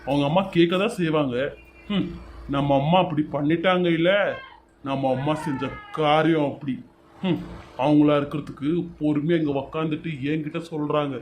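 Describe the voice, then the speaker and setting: A man's voice: a little high, fairly even intonation, normal speed, a little mellow, slight background noise, natural voice. A man voicing a stubborn husband who firmly scolds his brother and defends his mother-in-law, in a homemade serial drama. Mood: scolding. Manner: firm, scolding.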